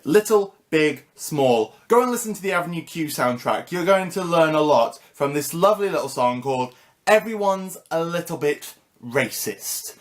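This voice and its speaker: A man's voice: a little high, expressive, moderate pace. A British man vlogging casually to camera, with a cheeky, sarcastic, ranting manner. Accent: British English. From Britain.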